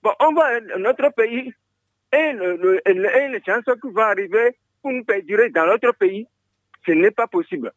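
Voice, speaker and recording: High-pitched guy on the phone to the radio, keeps restarting, dry and muffled. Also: animated, normal speed, no room sound. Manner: rambling, stumbles with many restarts. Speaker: caller. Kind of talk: phoning in to a radio show.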